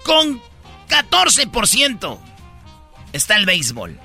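A Mexican man hosts a comedy radio show in a high, bright voice that swoops up and down as he plays the hammy announcer. Soft music runs underneath him. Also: huge pitch swings, takes it slowly, gravelly. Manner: hammy announcer, exaggerated and playful.

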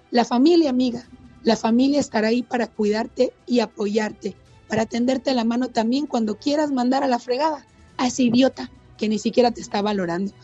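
A woman's voice: fairly high pitch, warm tone, dull audio. Earnest woman giving relationship advice. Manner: earnest, direct, addressing women. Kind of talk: scripted advice monologue.

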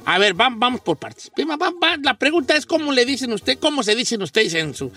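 A playful man jokes and teases his radio co-hosts in a very high, lively voice. He sits back from the mic, with faint music playing under him. His tone is bright and forceful. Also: a little fast, distant mic. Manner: playful, teasing, animated storytelling. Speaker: radio show host. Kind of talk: casual banter on a comedy radio show.

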